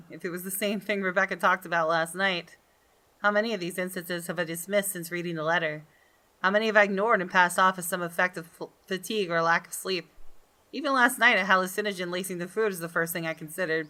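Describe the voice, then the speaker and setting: Faint game music runs under this let's play, where a female host reads out the story narration and talks to her viewers. Her voice is lowish, pushed and bright.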